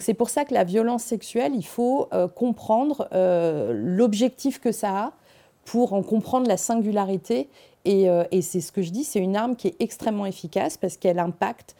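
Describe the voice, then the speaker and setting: A middle-aged woman from France, a guest in a studio interview, giving earnest, measured explanations. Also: medium pitch, creaky, dark tone. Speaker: guest, war crimes investigator.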